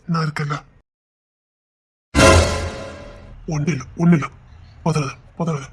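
A man voicing a devoted, protective young husband who reassures his wife in a low, firm, hushed voice, in an amateur audio drama. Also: fast talker, loud music behind the voice, natural voice. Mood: tender.

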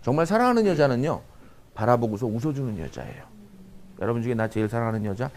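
A man's voice: medium pitch, fast, heavy background noise. A middle-aged man giving a humorous lecture to a live audience, joking and tossing out rhetorical questions. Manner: joking, animated, peppers talk with rhetorical questions.

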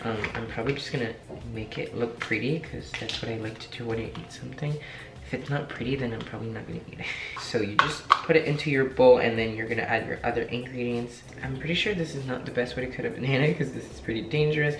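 A young man talks through his breakfast recipes in a relaxed, joking way, poking fun at himself. His voice sits at an ordinary middle pitch for a man. It bounces around an echoey home kitchen while pots and dishes clank clearly in the background. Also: quick pace, background noise. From France. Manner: chatty, playful, jokes at himself. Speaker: cooking vlogger. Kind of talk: casual cooking demonstration.

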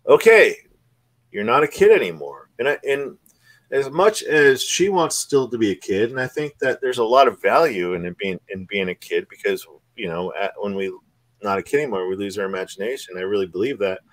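A man in his forties from Oregon co-hosts a book club podcast over a video call from a small room at home, using a studio mic on a stand with headphones. His low-ish, expressive voice is fairly quick and earnest, rambling with many restarts, on a dry recording with poor audio quality.

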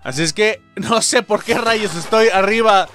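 A young man commentating a video game, shouting, laughing and swearing as he plays. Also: high-pitched, normal speed. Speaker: gaming youtuber. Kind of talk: excited gameplay commentary. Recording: game music behind the voice.

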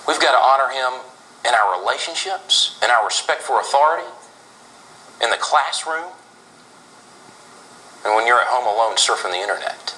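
An actor in his thirties playing an earnest, devout football coach, giving a deliberate, preacher-like pep speech to his team in a locker room. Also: medium pitch, expressive, pushed and bright, poor audio. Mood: urgent, exhorting. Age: 30s.

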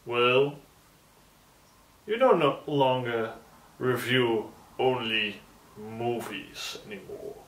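Man doing a slow, pompous demon lord, bright tense voice, roomy echo; sketch villain. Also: medium pitch. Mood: commanding. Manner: pompous, dramatic proclamations. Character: grandiose theatrical male demon, ex-puppet.

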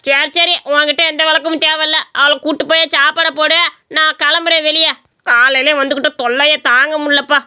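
Lazy cartoon village man, gruff and quick, high bright voice, voiced by a woman. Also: fairly even intonation, faint music behind. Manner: gruff, dismissive retorts.

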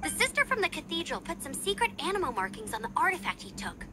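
A woman's voice: very high-pitched, very animated, fast talker, heavy background noise. A woman voicing a perky, earnest young female scout in an anime-style video game dub.

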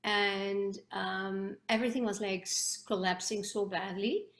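A middle-aged Dutch woman from the Netherlands, speaking with a Dutch accent, is a guest in a video call interview from a home room with bookshelves. Her medium-pitched voice is steady and a little slow, and she talks earnestly with many restarts and fillers. The call sounds echoey.

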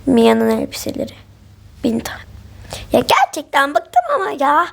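A woman doing a whiny high-voiced girl. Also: wildly swooping pitch, measured pace, vocal fry, heavily acted. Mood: whining. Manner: complaining, sighing. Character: whiny teenage daughter who says she has no clothes.

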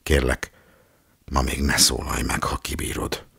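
A man voicing a weary, anxious elderly grandfather who speaks in a hushed, pleading way. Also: rumbling low, level tone, vocal fry, slightly rough, full character voice. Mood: worried.

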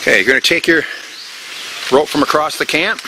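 A man's voice: a little high, fairly quick, noisy background. A middle-aged man showing a knot step by step in a tropical forest, talking plainly and repeating himself as he works. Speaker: bushcraft instructor. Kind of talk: casual outdoor knot demonstration.

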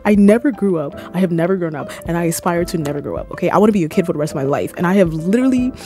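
A low-leaning female voice races along very fast while faint music plays behind. The speaker, a Cameroonian YouTuber in her twenties, chats casually to camera from a small, red-lit indoor room, mic close to her mouth, animated and jokey with squealed asides.

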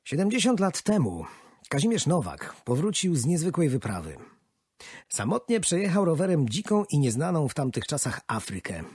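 A man voicing a solemn elderly gentleman giving a ceremonial speech in a storybook. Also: a little high, sing-song, normal speed, breathy edge, no room sound, studio quality, pitched above the performer's own voice.

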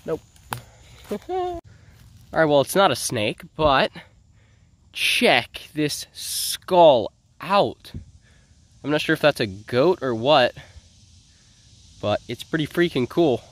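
This young man's voice is fairly high and congested, and he talks slowly with frequent pauses. Vlogging from a head-mounted action camera while hunting through the woods, he chats away excitedly and describes what he's doing. There's no echo on the audio.

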